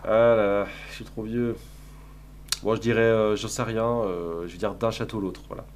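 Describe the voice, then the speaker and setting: A man's voice: on the low side, steady tone, normal speed, a little hiss or hum. A man streaming live, chatting casually in a crude, sarcastic, rambling way while answering his chat.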